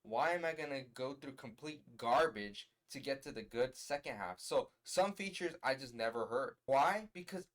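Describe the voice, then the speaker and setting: A young man in his twenties gives a casual album review from his bedroom. He talks bluntly and sounds exasperated, jumping to loud emphatic bursts. His voice sits at an ordinary middle pitch for a man. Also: lively intonation, moderate pace, hardly any pauses. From US West Coast. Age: 20s. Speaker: music reviewer.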